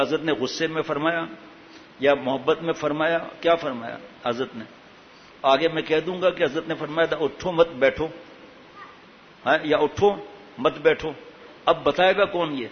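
A man's voice: a little high, slight background noise. A man preaching a sermon with passion, asking the listeners many rhetorical questions. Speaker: religious preacher. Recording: echoey hall, dull lo-fi sound.

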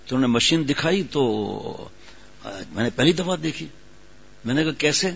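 Guy giving a sermon, husky voice, dull muffled recording. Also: mid-range voice, expressive, a bit bright. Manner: storytelling, rising to emphatic exhortation. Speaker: religious preacher. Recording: dull lo-fi sound.

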